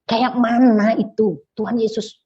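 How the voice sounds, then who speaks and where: A woman gives an earnest personal testimony, halting and repeating her phrases as she pleads her case. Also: on the high side, flat delivery, dark tone, slightly rough. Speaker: convert giving a personal testimony. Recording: muffled lo-fi recording.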